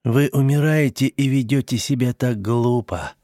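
A man voicing a cruel, frightened man who speaks in a numb, hushed way. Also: medium pitch, normal speed, dry recording, studio quality, pitched above the performer's own voice, close to an everyday voice. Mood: tense. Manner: whispering, numb and cold. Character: Mr Benedict, cruel man, panicky and cold.

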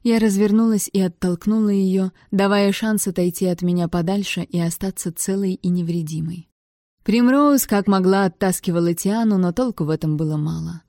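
A woman's voice: on the low side, mellow, no room sound, studio quality. A woman reading a first-person novel aloud, with a wry, sardonic tone. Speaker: audiobook narrator.

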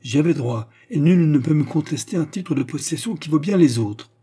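A man voicing a proud, blustering German officer in a storybook reading, his voice husky and mellow. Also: a little high, animated, normal speed, pitched above the performer's own voice. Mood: defensive bluster. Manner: blustering and defensive.

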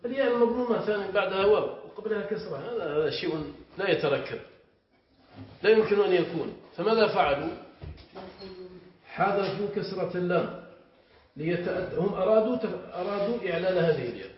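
A man's voice: sits high, expressive, quick pace, long pauses. A man teaching Arabic grammar in a classroom lesson, explaining step by step and often asking his students whether they follow. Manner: explanatory, checks understanding with repeated questions. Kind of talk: classroom lesson on verb morphology. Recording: echoey, dull lo-fi classroom recording with faint hiss.

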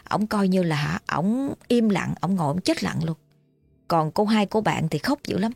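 A woman with a Southern Vietnamese accent narrates a ghost story in a chatty, folksy voice, leaning on fillers. Her pitch sits a little low, and faint music plays beneath. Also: darkish tone.

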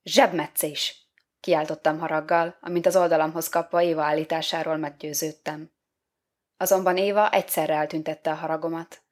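A woman reading a short story aloud as audiobook narration, with measured, expressive storytelling. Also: sits low. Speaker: audiobook reader.

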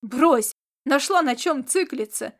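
A woman's voice: high-pitched, lively intonation, slow, full character voice. A woman reading an audiobook and voicing a hot-tempered male space mercenary who argues back defensively. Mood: angry. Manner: indignant, defensive, yelling back. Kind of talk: audiobook character voice.

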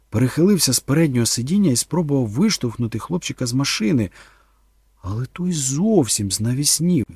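A man narrates a dramatic audiobook in a gravelly, husky voice, heard close and completely dry. His reading moves up and down a lot, tense and dropping low and slow in the dark passages. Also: no room sound.

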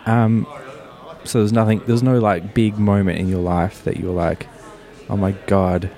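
Man, very low voice, mellow tone, rambling podcast host, casual chat full of ums. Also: flat delivery, measured pace. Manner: rambling, chatty, many fillers. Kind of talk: casual interview.

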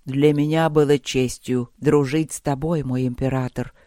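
A man voicing a loyal court mage who answers quietly in a measured, formal way. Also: medium pitch, fairly even intonation, no echo, studio quality, lightly acted. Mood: solemn. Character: loyal court mage, calm, solemn and sorrowful.

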